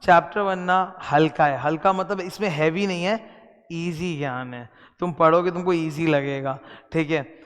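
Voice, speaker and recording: An Indian-accented man teaching a law class, talking straight to his students and giving them instructions. His voice sits a little high and sounds smooth and clear. The room leaves a long echo behind every phrase. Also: measured pace, a bit bright. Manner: explains in mixed Hindi and English, addresses students directly. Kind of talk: classroom lecture.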